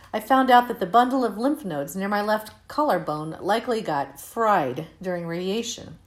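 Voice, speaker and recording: A woman in her fifties reading her own personal essay aloud in a candid, steady, measured way. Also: medium pitch. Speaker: narrator of her own story.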